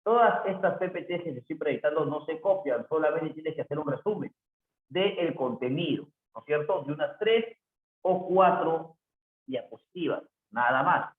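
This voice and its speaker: Man teaching an online class, slightly high voice, keeps checking with tag questions, roomy echo, thin phone-like sound. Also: animated, moderate pace. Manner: repeats the tag "¿no es cierto?" often, voices imagined student questions himself. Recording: echoey room over a tinny phone-like line.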